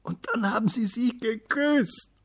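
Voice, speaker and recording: Man doing a high, eager little day child. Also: slow. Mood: eager, breathless. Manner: excited, breathless, stammering. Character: small eager young day, boy-like, innocent.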